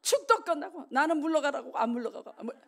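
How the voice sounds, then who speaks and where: A woman's voice: sits high, fast, vocal fry. A middle-aged woman preacher giving a testimony sermon in a church, telling her story vividly and acting out the dialogue. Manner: animated storytelling, acts out dialogue, laughs often. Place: church sanctuary.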